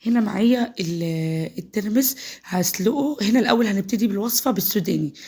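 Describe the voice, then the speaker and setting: In her home kitchen, an Egyptian woman with a cold chats her way through a cooking tutorial, walking viewers through every step. Her voice is medium-pitched, expressive, dark and husky, moving at a quick pace, and the cold has clearly altered it.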